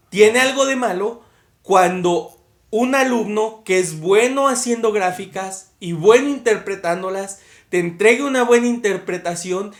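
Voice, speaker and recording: A young woman, a podcast co-host in casual conversation who argues her point at length and laughs at herself. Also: mid-range voice. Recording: echoey room.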